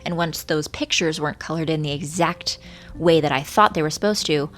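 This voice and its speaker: A woman's voice: low voice, fairly quick. A woman in her thirties talking casually and reflectively to her viewers in an earnest, musing way, with rain around her. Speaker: vlogger. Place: hotel room. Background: rain from a storm, faint music.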